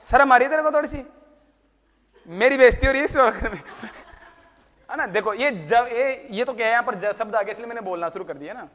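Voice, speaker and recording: A man's voice: very high voice, brisk, fairly bright tone, in a large hall. A male teacher giving a history lesson to a class, teasing students and asking questions that he then answers himself. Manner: teasing, talks to students by name.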